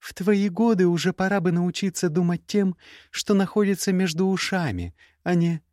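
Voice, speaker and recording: A man reading an audiobook voices a sharp-tongued, sarcastic young woman mage in a high, mocking tone. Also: normal speed, no echo, studio quality, close to an everyday voice. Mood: scornful. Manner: cutting, mocking, icy sarcasm. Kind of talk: audiobook character voice.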